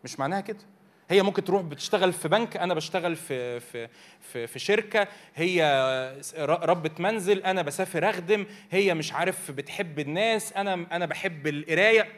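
A man with an Egyptian Arabic accent leads a church youth meeting, teaching from slides and drawing the audience in with repeated questions. His voice is high-pitched and fairly bright, and he talks at a quick pace.

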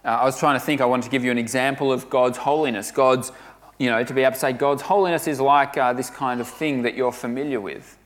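A man delivers a sermon at a middle pitch, earnest and emphatic. He leans hard on key words, then sinks to a near hush to drive a point home. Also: fairly even intonation, fast. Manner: earnest, emphatic preaching with dramatic drops to a hush. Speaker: preacher.

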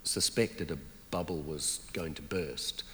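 A man's voice: a bass voice, takes it slowly, sharp tone, in a large hall. A man interviewing an author, asking probing questions in a conversational way.

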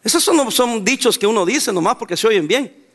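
High-pitched, bright-voiced preacher man. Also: lively intonation, moderate pace. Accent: Salvadoran Spanish. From El Salvador. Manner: emphatic preaching, mixes laughter and sudden loud outbursts. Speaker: pastor. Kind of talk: sermon. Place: church.

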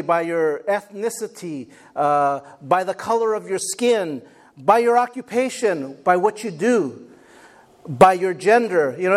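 A man preaching a motivational sermon as a pastor, emphatic and repeating his phrases, prompting his listeners as he goes. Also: sits high. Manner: prompts listeners with questions and calls for amen.

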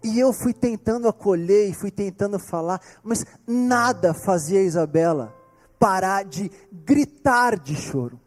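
High-voiced Brazilian pastor telling a story. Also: male voice, animated, faint music behind. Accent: Brazilian Portuguese. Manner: earnest storytelling, slowing down for emphasis. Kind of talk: storytelling sermon.

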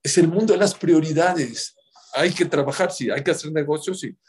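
A man's voice: normal speed, husky. A man who gives marriage advice to an audience, speaking emphatically and counting off his points. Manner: emphatic, counts off points, acts out quotes in sudden high outbursts. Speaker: religious advisor on marriage.

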